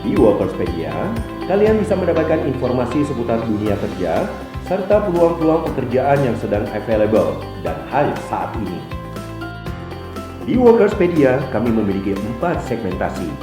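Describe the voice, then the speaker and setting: A man's voice: medium pitch, big pitch swings, moderate pace, roomy sound, music in the background. A man presenting a channel with an upbeat announcing style. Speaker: channel host. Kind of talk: promotional announcement.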